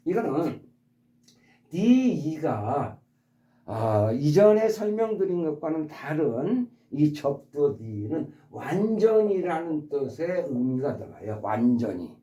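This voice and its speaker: Man, vocabulary teacher, fairly high, mellow voice, repeats words and stresses, polite to his subscribers. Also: sing-song, slow pace, echoey room. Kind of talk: explanatory vocabulary lesson.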